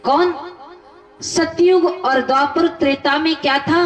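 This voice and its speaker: A woman's voice: high voice, fairly even intonation, slow pace, highs cut off. A woman preacher telling scripture stories in a devotional sermon, repeating lists and asking rhetorical questions. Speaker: religious storyteller preacher. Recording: echoey hall from far off with music.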